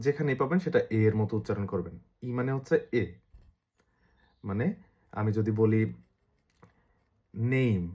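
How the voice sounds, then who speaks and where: A man with a Bangladeshi accent giving a casual lesson, repeating sounds slowly to demonstrate pronunciation. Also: mid-range voice, a little mellow. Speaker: language teacher.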